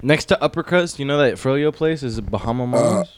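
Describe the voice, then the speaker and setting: A man's voice: medium pitch, expressive, brisk, a crowd in the background. A man co-hosting a podcast in casual chat, laid-back, saying dude and like a lot. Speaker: podcast co-host.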